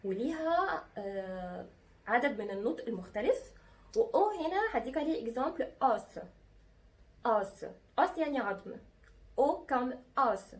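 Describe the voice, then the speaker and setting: Patient woman teacher spelling slowly. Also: on the high side, sing-song, recorded from a distance. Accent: Egyptian. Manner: patient, spells out letters slowly and repeats sounds. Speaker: French teacher. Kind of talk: teaching lesson.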